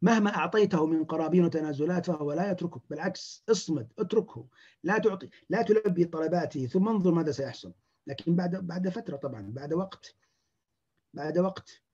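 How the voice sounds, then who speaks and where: A man, a clinician giving a lecture, talking in an animated way and acting out the words of patients. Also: fairly high pitch, fast, breathy edge, highs cut off.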